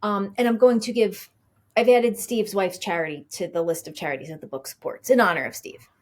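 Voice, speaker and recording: A middle-aged woman, an author being interviewed on a podcast, telling a story in a chatty, animated way and acting out what people said. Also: medium pitch, brisk. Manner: chatty, animated storyteller who acts out quoted dialogue; frequent fillers and restarts.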